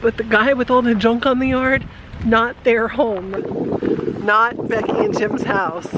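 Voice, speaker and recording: A woman's voice: on the high side, steady tone, moderate pace. A woman co-hosting a casual travel vlog outdoors, chatty and giggly, talking into a handheld camera. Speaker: vlog co-host. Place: outdoors at a wildlife preserve. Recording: outdoor wind and noise.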